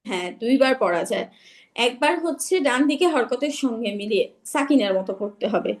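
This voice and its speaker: A woman's voice: on the high side, expressive. A young woman teaching Quran recitation rules in an online class, patient and repetitive, checking that her students follow; she is unwell. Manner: patient, repeats rules slowly, checks understanding.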